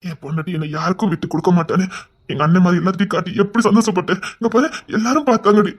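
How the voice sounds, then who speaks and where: A performer voicing a devoted young husband who swears loyalty to his crying wife and scolds others loudly, in a Tamil romance audio drama. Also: mid-range voice, racing, natural voice. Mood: pleading, scolding.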